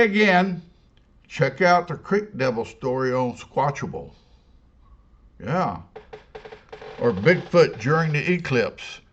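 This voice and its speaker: A man with a fairly high voice hosts his own paranormal channel, chatting straight to camera. He rambles in a stop-and-start way, full of fillers and repeated words, and recommends things in a friendly tone. The recording sounds dull and muffled. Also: fairly bright tone. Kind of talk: casual talk to camera.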